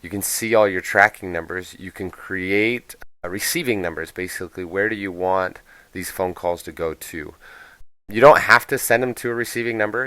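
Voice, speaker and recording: In a smooth, low voice, a man walks through some software casually, speaking plainly and explaining as he goes without a script. The audio has no room sound.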